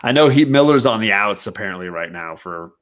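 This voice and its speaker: A man co-hosting a casual online chat, relaxed and chatty, often trailing off. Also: fairly low pitch, a little fast.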